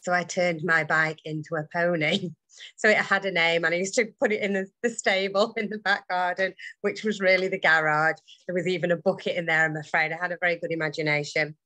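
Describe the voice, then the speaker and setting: A middle-aged woman with a somewhat low voice tells a rambling childhood story as an impromptu club speech. She is chatty and laughs as she goes. Her voice comes over a video call. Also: steady tone, brisk, sharp tone.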